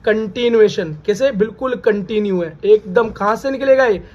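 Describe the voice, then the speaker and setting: A man's voice: sits high, normal speed, darkish tone, lo-fi sound. A man teaching biology in Hindi, who quizzes students by repeating key terms as questions and calls them "beta". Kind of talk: classroom lecture.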